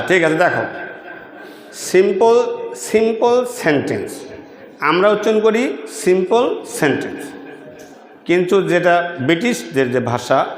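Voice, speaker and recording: A man teaching an English lesson, drilling pronunciation slowly and asking students to repeat after him. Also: high voice, fairly bright tone. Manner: checks in often with rhetorical questions. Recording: echoey room with long reverb.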